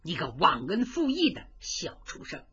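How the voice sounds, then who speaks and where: A woman voicing a hot-tempered male warrior in a told story, shouting in outrage. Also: on the low side, huge pitch swings, moderate pace, highs cut off, pitched below the performer's own voice. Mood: furious.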